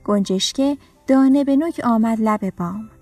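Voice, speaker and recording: A woman narrating a children's story in a gentle, clear storytelling way. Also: a little high, no room sound. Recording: dry studio with soft music.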